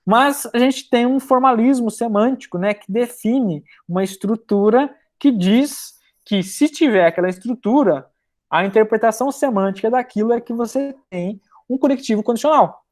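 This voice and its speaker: In a recorded university programming lecture, a woman explains things step by step, often pausing to make sure students are following. Her voice is a little high and a little mellow.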